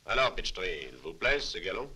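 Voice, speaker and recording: A man's voice: sits low, sing-song, normal speed, pushed and bright, a little hiss or hum, exaggerated voice. A man playing a confident army captain in a dubbed adventure film, with a clipped, authoritative way of speaking. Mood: composed, assured. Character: confident, resolute army captain addressing his men.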